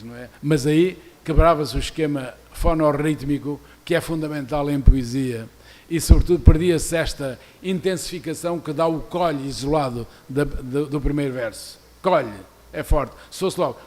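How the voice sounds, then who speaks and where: An older man from Portugal with a European Portuguese accent, giving an academic lecture in a university auditorium, talking in a discursive way with many restarts. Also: on the high side. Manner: discursive, many restarts, reads quoted verses aloud more loudly.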